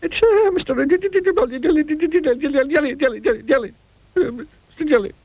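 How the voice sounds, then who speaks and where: A man's voice: very high-pitched, fairly quick, no room sound, pitched above the performer's own voice. A man voicing a jittery, timid little man who shrieks and stammers in panic. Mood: stammering. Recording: dull lo-fi audio.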